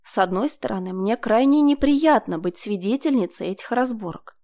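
A woman reading a first-person crime story aloud in an even, measured way. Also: on the high side. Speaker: narrator.

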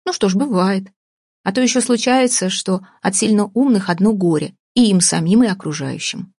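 A woman reading an audiobook voices a frank, guileless young woman who speaks earnestly and openly, with a husky tone. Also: medium pitch, lively intonation, a little fast, darkish tone, dry recording, clean studio sound.

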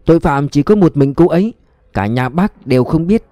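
A man voicing a blunt, quick-tempered police chief in an audiobook. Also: fairly high pitch, expressive, mellow, no room sound, pitched above the performer's own voice, lightly acted. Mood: firm, questioning. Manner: blunt, angry. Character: blunt, hot-tempered male police chief, middle-aged.

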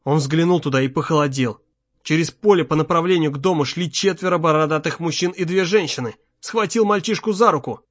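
A male audiobook narrator reading in a measured, tense manner with a slightly high voice. The recording is dry and a little muffled. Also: dry recording. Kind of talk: scripted narration.

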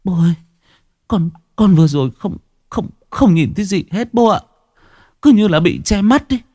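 A man doing a nervous young woman, higher pitched. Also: animated, moderate pace, a little mellow, dry recording, studio quality, natural voice. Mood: anxious. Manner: stammering, pleading. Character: anxious young woman, a daughter-in-law.

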